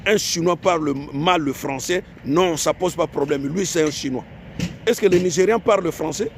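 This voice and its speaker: A man from Africa lectures his viewers in a fairly high voice, repeating his points and firing off rhetorical questions. Faint street and traffic noise sits under the recording. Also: normal speed. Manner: repetitive, exhorting, rhetorical questions. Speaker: online commentator. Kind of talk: emphatic monologue to viewers.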